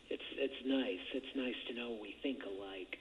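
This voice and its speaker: This recording is a muffled, noisy jail phone call made on a telephone handset. On it, a man with a medium-pitched voice chats casually and unhurriedly, hesitating and rambling as he goes.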